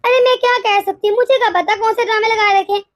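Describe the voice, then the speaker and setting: A woman voicing a short-tempered, self-pitying middle-aged mother-in-law in an animated cartoon, complaining in shrill taunts. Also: fast, no echo, studio quality. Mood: grumbling.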